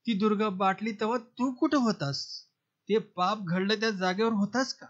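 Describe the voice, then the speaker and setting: A man voicing a stern older male village council elder who questions loudly, on a dull lo-fi recording. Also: high voice, fairly even intonation, moderate pace, close to an everyday voice. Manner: loud, questioning.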